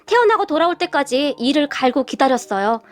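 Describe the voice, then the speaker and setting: A woman's voice: high-pitched, big pitch swings, fairly quick. A woman narrating a family story in the first person, in a chatty, confiding way.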